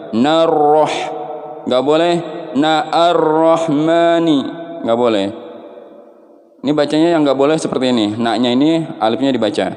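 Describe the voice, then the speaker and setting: A man's voice: medium pitch, darkish tone. Man teaching tajwid in a reverberant hall. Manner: patient, slow explaining with drawn-out chanted examples. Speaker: Quran recitation teacher. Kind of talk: tajwid lesson with chanted recitation.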